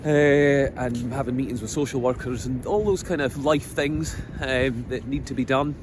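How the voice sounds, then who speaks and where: A middle-aged man with a Scottish accent reflects on his life out loud, halting and earnest, filling his pauses with ums. He records outdoors near the sea, with clear noise from vehicles and the street around him. His voice sits at an ordinary male pitch. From Scotland. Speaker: vlogger. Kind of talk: reflective personal monologue. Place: outdoors on a coast. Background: outdoor noise, passing vehicles.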